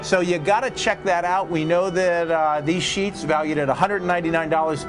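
A man's voice: a little high, fairly even intonation, moderate pace, over music. A man in his fifties with an upbeat, enthusiastic patter, presenting a casual morning show as a cruise director. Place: ship atrium, at a presenting desk.

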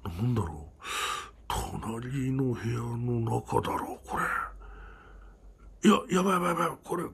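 A man telling a true ghost story aloud, dramatic, often dropping to a hush, with a gravelly, husky voice. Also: fairly low pitch. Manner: dramatic, with sudden drops to a hush.

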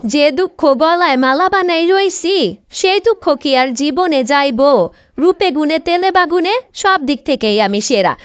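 A vain young cartoon wife, voiced by a woman, grumbles sassily in a high voice with a Bangladeshi Bengali accent. She talks in a chatty, complaining way. The recording is dry and close. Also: lively intonation, measured pace, no room sound, dull audio. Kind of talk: comic cartoon monologue.

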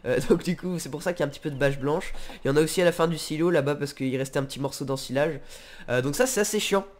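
A gaming video host with a congested, nasal voice from a head cold gives casual, hesitant let's play commentary, thinking aloud. His voice is on the high side and his pace is quick.

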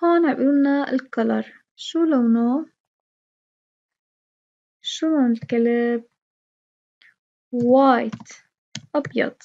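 A woman's voice: high-pitched, takes it slowly, long pauses, lo-fi sound. A woman with a Levantine Arabic accent teaching an English lesson. She explains step by step, repeats English words with their Arabic meanings and praises her students.

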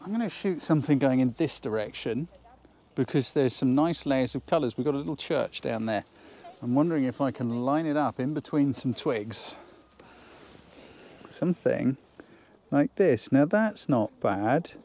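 A man's voice: medium pitch, moderate pace, warm tone. A man giving an enthusiastic, chatty photography lesson outdoors on a countryside hillside, thinking aloud as he works. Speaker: photography tutor. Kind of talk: instructional outdoor vlog.

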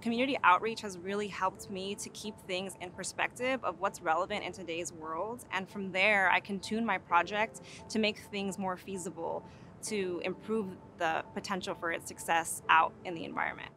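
A woman's voice: mid-range voice, normal speed, pushed and bright, faint music behind. A young woman who is a PhD student, speaking earnestly in an outdoor interview testimonial. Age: young adult. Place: outdoors on campus.

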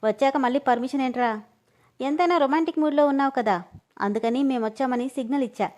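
A playful young brother-in-law jokes in a lowered, brisk voice, as a woman reads him. He sounds light and teasing in an audio storybook. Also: darkish tone. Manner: playful, joking.

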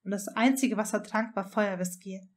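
A woman narrating a fanfiction audiobook with expressive storytelling. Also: mid-range voice, moderate pace. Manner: expressive storytelling, voicing each figure. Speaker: audiobook reader.

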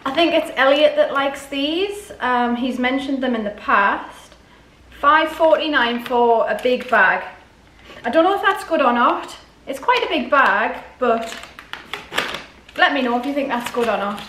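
Speaking a little slowly, this vlogger has a high, fairly bright voice with lively intonation. She's in her forties, chatting casually to camera about her grocery haul and frequently second-guessing herself aloud, in an echoey home dining room with noticeable background noise.

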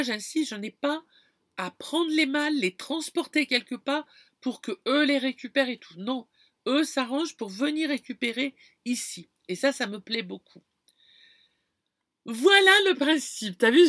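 Speaking to her viewers from a campground, a French woman vlogger explains things casually and chattily, with frequent fillers and restarts, addressing them directly. Her voice is on the high side and a bit bright. The recording is dry with clean studio sound.

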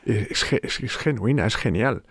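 A man's voice: fairly low pitch, lively intonation, normal speed, vocal fry, slightly rough, no room sound. A man with a Spanish accent hosting a casual interview, complimentary and conversational. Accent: Spanish (Spain). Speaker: host.

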